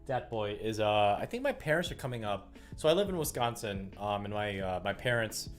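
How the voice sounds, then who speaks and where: A man's voice: fairly low pitch, sing-song, fairly quick. Rambling thirty-year-old man chatting on stream. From Illinois, US Midwest. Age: 30s. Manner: rambling, laughs often, many fillers. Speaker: livestreamer. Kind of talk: casual livestream chat. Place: home room while stringing rackets. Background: faint music.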